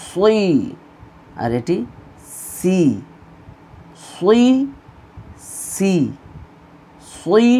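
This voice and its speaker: A man's voice: a little high, mellow, slight background noise. A man teaching an online Quran reading lesson, drilling letter sounds in pairs and having students repeat after him. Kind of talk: slow recorded online lesson.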